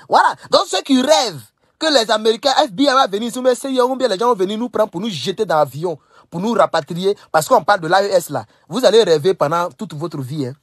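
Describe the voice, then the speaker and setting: Young man, high voice, husky edge, emphatic, repeats himself, dry close sound. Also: animated, a little fast, no echo. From Burkina Faso. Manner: emphatic, repeats phrases, scolding asides. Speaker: political commentator. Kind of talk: casual direct-to-camera monologue.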